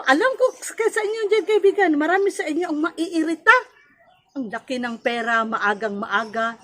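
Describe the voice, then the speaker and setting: A woman's voice: high-pitched, fairly bright tone. A woman from the Philippines who runs a small store gives friendly, chatty advice in a casual vlog, often calling her viewers friend and laughing between points. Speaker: sari-sari store owner and vlogger.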